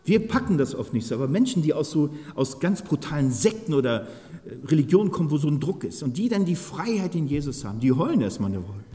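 Preacher guy, fervent sermon, mellow voice, long hall echo. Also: a little high, big pitch swings, fast. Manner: fervent, addresses listeners directly, swings from hushed to loud.

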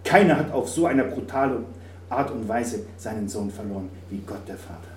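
A man preaching a sermon, swinging from quiet to loud and acting out dialogues. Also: fairly low pitch, animated, normal speed. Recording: roomy, from a distance, faint noise.

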